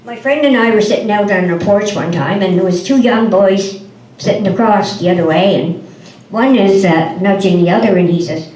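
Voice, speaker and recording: A woman's voice: medium pitch, moderate pace, darkish tone. A woman doing stand-up comedy, telling folksy anecdotes and acting out the dialogue of the people in them. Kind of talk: stand-up storytelling. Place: comedy club stage before an audience. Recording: roomy sound from a distant mic.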